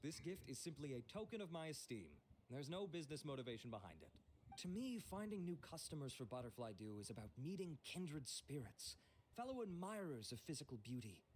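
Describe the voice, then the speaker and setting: A man's voice: a little high, very animated, fairly quick, slight background noise. An actor playing a suave, courteous skincare maker in a video game, polished and salesman-like, with game music behind. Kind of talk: video game character dialogue. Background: game soundtrack.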